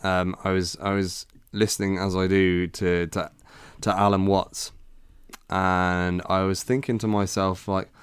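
A man's voice: sits low, little pitch movement, unhurried, clear, resonant tone, no echo, studio quality. A man co-hosting a podcast, chatting casually in a rambling, hesitant way with many restarts. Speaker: podcast co-host. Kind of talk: casual chat.

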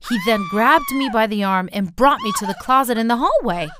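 A woman's voice: fairly high pitch, big pitch swings, a little fast, background noise. A woman narrating a scripted first-person story, acting out the quoted lines.

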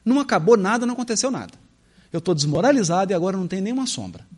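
A man with a Brazilian accent voicing a sulky, self-pitying prophet who rattles off his complaints quickly. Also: high voice, very animated, a little mellow. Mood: sulky, complaining. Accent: Brazilian Portuguese. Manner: rapid, whiny complaining.

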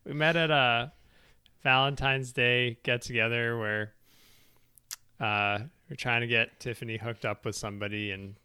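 A man playing an awkward, reluctant friend who delivers a halting, hesitant eulogy in improvised comedy. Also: medium pitch, fairly even intonation, bright, forceful tone, clean tone, no room sound, clean studio sound. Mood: hesitant, tender.

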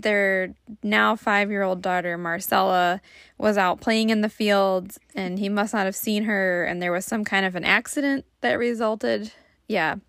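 A woman's voice: mid-range voice, vocal fry, fairly bright tone, no echo, studio quality. A young woman with a Michigan accent, casually telling a story on a podcast with lots of fillers. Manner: chatty, lots of fillers and laughs. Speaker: podcast co-host.

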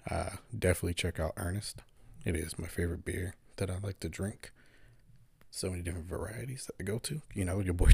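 Deep gravelly man, casual podcast. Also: a little mellow, no echo. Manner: rambling, profane, with many fillers. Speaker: podcast host. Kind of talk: casual solo podcast talk.

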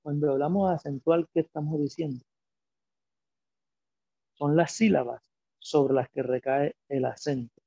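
Guy giving a slow lecture, husky voice, bit higher pitched, dull lo-fi recording. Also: steady tone, warm tone, no room sound. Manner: slow, deliberate, explains step by step with rhetorical questions. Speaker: teacher. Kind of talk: lecture on biblical poetry.

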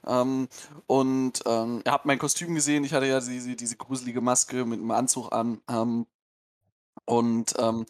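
A man's voice: medium pitch, level tone, measured pace. A man hosting a podcast, telling a story in casual chat with many hesitations and dry humor. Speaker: podcast host.

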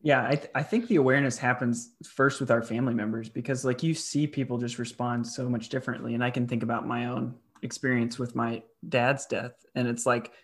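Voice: mid-range voice, steady tone, a little fast, hardly any pauses. A podcast co-host speaking in a reflective, frank, casual way, often using "you know" as filler.

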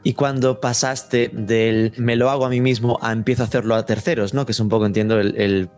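A man hosts a relaxed conversation and puts curious follow-up questions to his guest. His voice sits at a middling pitch, with faint music in the background. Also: fairly quick. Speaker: podcast host. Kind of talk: casual interview.

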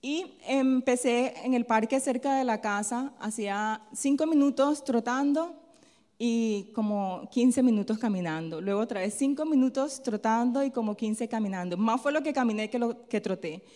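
A woman delivers a sermon in a fairly high voice. She keeps asking questions and answering them herself, tagging her lines with a quick "¿sí?". Her words ring on in a long hall reverb. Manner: tells a personal story in a softer, chatty tone. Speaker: preacher. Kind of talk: sermon with call-and-response questions.

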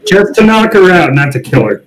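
A man's voice: high-pitched, very animated, brisk, crowd noise, low-quality recording. A man playing a tabletop game, describing what his characters do and laughing along. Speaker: player. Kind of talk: casual tabletop play.

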